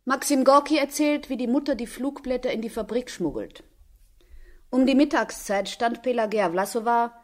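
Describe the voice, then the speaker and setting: A woman reading the narration of a radio play in a calm, even storytelling manner. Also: on the high side.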